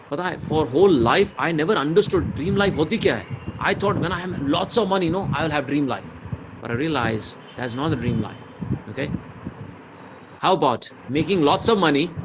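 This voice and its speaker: Indian guy hyping up a webinar crowd, kinda high voice, noisy audio. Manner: energetic, rhetorical, reads out chat replies, mixes in Hindi. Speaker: business mentor. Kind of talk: live webinar coaching.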